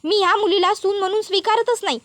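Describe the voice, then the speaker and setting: A woman's voice: very high voice, fairly even intonation, fast talker, fairly bright tone, dry recording. A woman voicing a furious, proud middle-aged mother-in-law who scolds insistently. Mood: angry.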